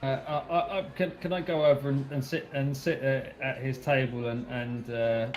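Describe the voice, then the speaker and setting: A man's voice: mid-range voice, fairly even intonation, moderate pace, a little mellow. A man playing a tabletop role-playing game, talking casually in a hesitant, politely tentative way as he improvises.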